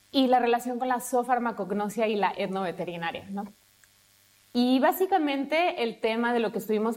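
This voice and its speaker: A woman from Mexico with a Mexican accent, a university researcher explaining her field in a fluent, steady way. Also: mid-range voice. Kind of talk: explanatory talk to camera.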